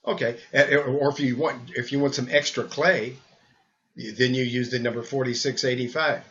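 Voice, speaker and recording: An older man talks at a middling pitch, rambling and restarting with repeated words. His voice comes through the muffled, lo-fi sound of an old camcorder recording. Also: steady tone, moderate pace, fairly bright tone. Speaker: health supplement presenter. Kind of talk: rambling spoken talk.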